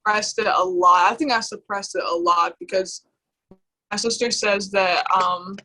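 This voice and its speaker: A young woman speaking candidly in a personal conversation, halting often with fillers and restarts. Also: medium pitch, steady tone, sharp tone, poor audio. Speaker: guest.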